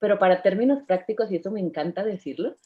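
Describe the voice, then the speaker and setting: A woman's voice: mid-range voice, animated, fast talker, narrow, tinny audio. Cheerful Mexican woman in her fifties. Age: 50s. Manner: cheerful, laughs often, admits nerves. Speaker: guest. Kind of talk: casual interview chat.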